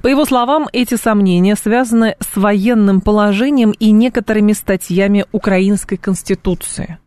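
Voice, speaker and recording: A woman hosting live radio news talk in a studio, speaking briskly with frequent filler sounds between points. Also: medium pitch, darkish tone, smooth, no room sound. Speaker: radio host. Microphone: studio microphone.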